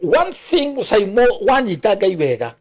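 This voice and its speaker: A Kenyan man, a pastor, talking in a preaching style in an interview and quoting scripture with animated emphasis. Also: high-pitched, moderate pace. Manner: animated, quotes scripture, mixes English with Kikuyu.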